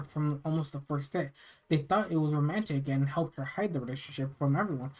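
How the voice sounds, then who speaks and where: Horror story narrator from the US, mid-pitched, halting read with repeated phrases and casual delivery. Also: a little mellow, low-quality recording. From United States. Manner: halting reading, often stumbling and repeating phrases. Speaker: narrator reading scary stories. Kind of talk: reading a first-person horror story aloud, with casual asides.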